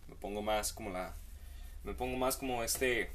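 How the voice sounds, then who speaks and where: A man's voice: on the low side, normal speed, fairly bright tone. A man hosting a comedic monologue, giving rambling, slangy advice with playful asides.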